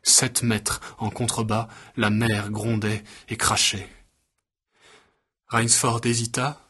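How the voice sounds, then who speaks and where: A man reading a story aloud in an even, measured way. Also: fairly low pitch, husky. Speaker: narrator. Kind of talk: scripted story narration.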